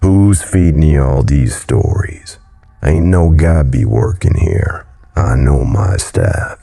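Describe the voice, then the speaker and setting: A man voicing a burly, hostile bar owner in his late forties with a thick Cajun drawl and a gruff voice. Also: a bass voice, expressive, slow, dark tone, soft background music, exaggerated voice. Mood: surly drawl.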